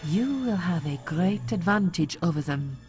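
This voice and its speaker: A woman's voice: on the low side, expressive, normal speed, a little mellow, soft background music, lightly acted. An actress voicing a sinister, controlling otherworldly woman in a video game, solemn and menacing. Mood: commanding, vengeful.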